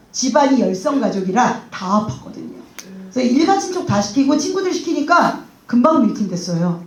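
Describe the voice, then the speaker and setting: Animated high-voiced woman on stage. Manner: animated storytelling with laughs, acting out dialogue. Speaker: speaker at a company event. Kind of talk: motivational stage talk. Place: large event hall. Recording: echoey hall sound.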